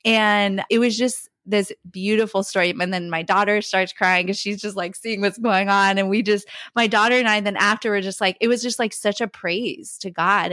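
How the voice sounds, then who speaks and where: Animated middle-aged woman telling a story. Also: medium pitch, no echo, clean studio sound. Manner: animated storyteller, laughing often, acting out quotes. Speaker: podcast co-host. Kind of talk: casual faith podcast storytelling.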